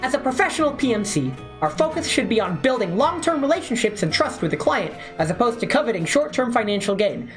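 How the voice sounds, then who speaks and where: A stiff, by-the-book squad officer, read by a woman speaks in a formal, businesslike way. Her voice is fairly high with lively rises and falls. She sounds like a game character reporting to her boss. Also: fast talker, hardly any pauses, over music.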